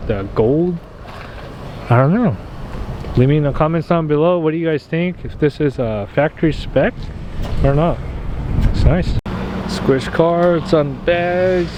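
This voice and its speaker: A man's voice: a little high, unhurried, long pauses. A man giving enthusiastic, slangy, casual walk-around commentary as a car vlogger at an outdoor meet. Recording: noisy outdoor car meet, vehicle sounds. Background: cars, car alarm beeping at times.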